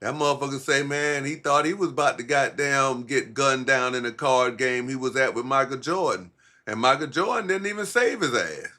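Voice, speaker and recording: A man's voice: mid-range voice, normal speed, pushed and bright. A man hosting a casual, profane livestream, rambling in a laid-back stoner way with heavy slang and swearing. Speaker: livestream host.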